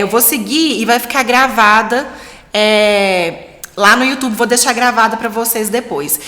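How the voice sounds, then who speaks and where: A woman in her thirties with a Brazilian Portuguese accent, teaching a live-streamed lesson for parents in a lively, encouraging way. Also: on the high side. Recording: long reverb.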